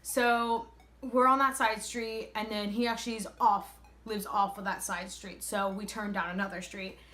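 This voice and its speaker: A woman's voice: medium pitch, normal speed. A woman in her twenties, a vlogger telling a casual, chatty story and acting out bits of dialogue as she goes. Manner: animated retelling with quoted dialogue.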